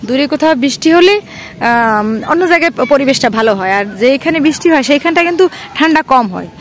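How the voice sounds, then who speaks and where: Animated and quick, a high-voiced woman with a Bangladeshi accent vlogs casually outdoors on grassy open ground near a school and talks with children along the way. The outdoor ambience is faint.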